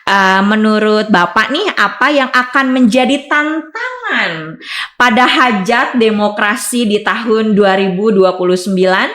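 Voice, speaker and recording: A woman's voice: medium pitch, animated, measured pace, a bit bright. A woman in her thirties hosting a podcast, chatty and upbeat, often coaxing her guest with tag questions. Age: 30s. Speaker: podcast host. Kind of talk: casual podcast conversation.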